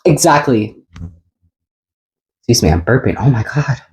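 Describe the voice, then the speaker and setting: Low-pitched excitable woman podcaster. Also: a little slow, poor audio. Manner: rambling, excitable, swearing. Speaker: podcast co-host. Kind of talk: casual chat.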